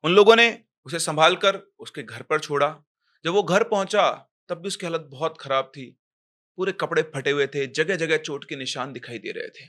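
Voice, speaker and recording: A young man narrating a horror story in a casual, dramatic way, getting louder in tense moments and dropping to a hush, with chatty asides to the listener. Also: on the high side, normal speed.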